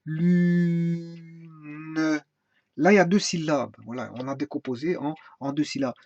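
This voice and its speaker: A man giving an informal music theory lesson, hesitant, with many fillers and restarts, now and then singing a phrase slowly. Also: mid-range voice, expressive, a little mellow, husky, no room sound. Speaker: music teacher. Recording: dry, dull lo-fi sound.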